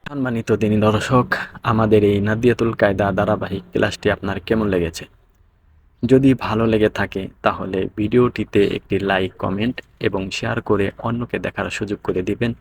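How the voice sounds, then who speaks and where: Low-voiced man giving a polite sign-off. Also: fairly even intonation, a little fast, slight background noise. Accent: Bangladeshi Bengali. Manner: formal, courteous address with blessings. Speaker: channel presenter. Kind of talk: closing appeal to viewers.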